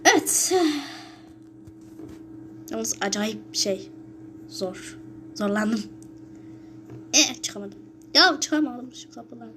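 A young woman commenting casually on her own gameplay, excitable, muttering and whispering to herself between sudden yells and shrieks when she is chased. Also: on the high side, slow, long pauses. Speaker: gaming channel host.

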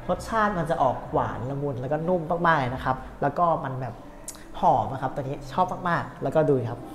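A young man with an upbeat, polite tour-guide manner walks through a cafe, chatting casually to the camera. His voice sits close on a clip-on lapel mic, with a faint hum of background noise. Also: mid-range voice. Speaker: host. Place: indoor cafe in an old shophouse.

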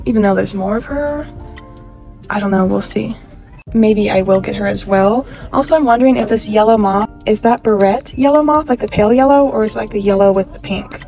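This is casual shopping-vlog narration from a Californian woman in her twenties, who talks eagerly into her phone camera as she browses stores with background music. Her voice is mid-range and creaky, and she's chatty and gushing.

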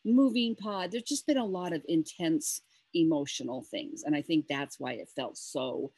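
A woman's voice: low voice, normal speed, a little mellow, breathy edge, dry recording. Chatty middle-aged woman, dry sound. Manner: rambling, emotional storytelling with many restarts. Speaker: co-host. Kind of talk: casual chat.

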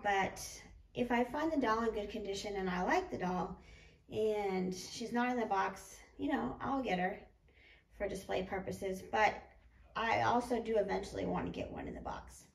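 A woman with a slightly harsh, hoarse voice from being sick, chatting casually and ramblingly as she shows off her hobby finds. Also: mid-range voice, animated, moderate pace. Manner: informal, rambling, self-correcting. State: getting over a sickness, slightly hoarse. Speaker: doll collecting vlogger. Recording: roomy echo with clear background noise.

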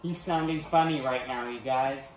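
A man's voice: mid-range voice, moderate pace, far from the mic, a little hiss or hum. A man co-hosting a gaming video with casual gameplay chat. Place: indoor room with a television. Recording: echoey room, sound playing behind.

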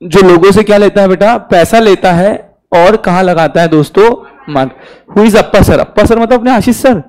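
A man's voice: high-pitched, moderate pace, darkish tone, poor audio. A man in his thirties with an Indian accent, a commerce exam tutor giving a casual live online lecture, chatty and teasing, with a mild fever. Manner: chatty, teasing, mixes Hindi and English. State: mild fever, recovering throat.

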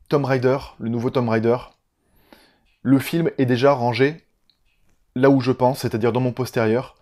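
A man's voice: mid-range voice, darkish tone. A man with a southern French accent talking casually and sarcastically about upcoming films, often getting sidetracked. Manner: chatty, sarcastic, easily sidetracked. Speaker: film YouTuber. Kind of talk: casual video chat.

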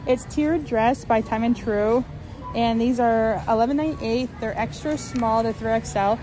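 A woman's voice: on the high side, normal speed. A woman vlogging casually while shopping in a large clothing store, upbeat and chatty with lots of fillers. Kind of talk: casual shop-with-me narration.

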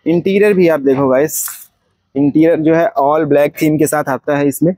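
A man's voice: on the high side, fairly even intonation, normal speed, mellow, dry recording. A young man vlogging casually from an outdoor used car lot, chatty and friendly, calling the viewer brother and mixing English words into his talk. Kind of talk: casual walkaround commentary.

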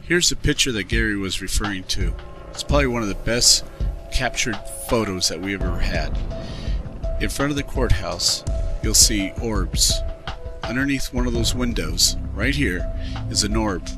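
Man, lowish voice, explanatory voice-over narration, prominent background music. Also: lively intonation, normal speed. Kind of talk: scripted voice-over narration of photos.

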